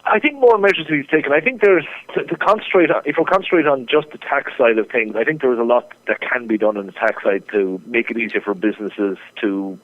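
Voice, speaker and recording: A man giving interview answers over the phone as a market strategist, talking fast with many restarts and repeated words. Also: medium pitch, dry recording. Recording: tinny phone line.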